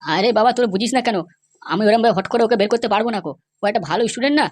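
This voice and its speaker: In a comedy cartoon, a woman voices a scheming, evasive male schoolmaster who placates others and repeats himself. She speaks rapid-fire in a fairly high, slightly mellow, natural-sounding voice.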